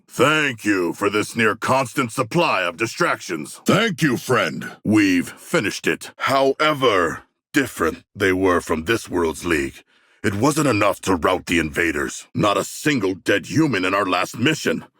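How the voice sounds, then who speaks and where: An actor playing a huge, noble, battle-hungry shark warrior in a video game, speaking in formal, literal-minded, grandiloquent language with a rough gravelly voice. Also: male voice, sits low, sing-song, a little slow, pushed and bright, no echo, clean studio sound, exaggerated voice. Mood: polite, earnest. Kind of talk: video game character voice lines.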